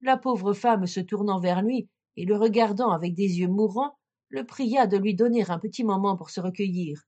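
A woman storyteller reading a classic fairy tale in a measured, expressive way. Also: medium pitch.

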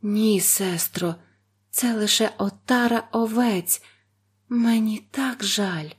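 A woman voicing a young sister in a storybook, answering calmly and slowly. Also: medium pitch, breathy edge.

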